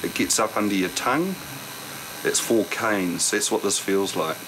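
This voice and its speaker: A man's voice: lowish voice, normal speed, background noise. A man with a broad New Zealand accent, chatting casually in slangy, blokey Kiwi speech. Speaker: reality documentary participant. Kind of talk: casual chat. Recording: music playing behind the voice.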